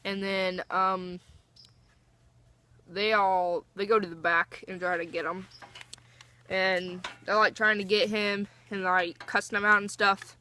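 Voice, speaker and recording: Young female vlogger, bright and keyed-up, rambling anecdote with fillers. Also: medium pitch, flat delivery, slow pace, a little hiss or hum. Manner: rambling and anxious, lots of fillers and restarts. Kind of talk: casual storytime.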